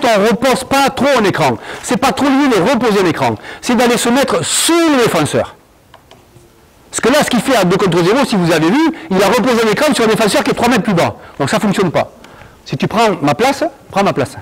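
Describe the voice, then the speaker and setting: Animated man coaching on court. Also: sits high, slight background noise, poor audio. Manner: animated, commanding, calls out drills. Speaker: basketball coach. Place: indoor gym.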